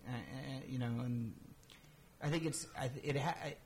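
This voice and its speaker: A man's voice: mid-range voice, moderate pace, a little mellow. Guy rambling on a podcast, lots of "you know" and "dude", bit of hiss behind. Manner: rambling, filler-heavy, says "dude" and "you know" a lot. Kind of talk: casual chat.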